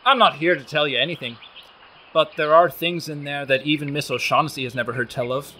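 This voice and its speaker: In a radio play, a man acts as a mysterious old fairy guardian of an Irish forest, gentle, calm and cryptic. His voice is fairly high for a man and carries an unhurried, soft lilt. Faint birdsong and woodland ambience surround him, with slight background noise.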